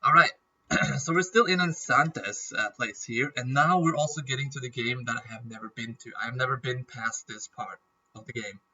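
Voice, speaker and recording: Chatty gamer with a nagging cough. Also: male voice, medium pitch, normal speed, bright, forceful tone, recorded from a distance, dull audio. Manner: rambling, chatty, often clearing his throat and coughing. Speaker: gaming YouTuber. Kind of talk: casual game commentary.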